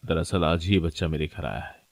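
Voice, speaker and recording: A man's voice: rumbling low, no echo. A man voicing an anxious, kind-hearted childless wife in a plain reading voice.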